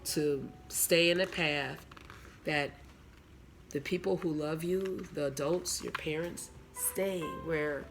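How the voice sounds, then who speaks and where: A woman's voice: low-pitched, slow pace, faint music behind. A woman reading a picture book aloud, breaking off with chatty asides to her listeners and some advice for teenagers. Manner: gives moral advice to teens. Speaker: storyteller reading to young listeners.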